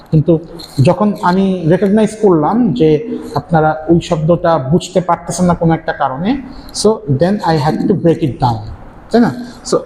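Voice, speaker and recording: A male university lecturer with a fairly high-pitched, dark-toned voice delivers a classroom lecture, moving between Bengali and English and checking in often with tag questions. The recording has an echoey hall sound and faint ambient noise.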